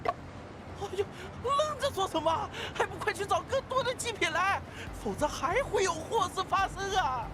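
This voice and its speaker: A frantic, superstitious woman wails through tears at a piercingly high pitch. Her urgent, shrill delivery in this story game never lets up. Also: animated, normal speed. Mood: panicked wailing. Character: frantic superstitious woman wailing about divine punishment. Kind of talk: game voice acting.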